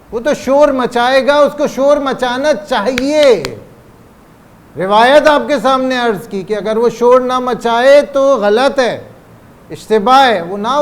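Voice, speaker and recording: A man delivers a religious lecture. He poses rhetorical questions and slows down on the phrases he wants to stress. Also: extremely high pitch. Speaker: cleric giving a religious lecture. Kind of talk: Urdu religious lecture on parenting.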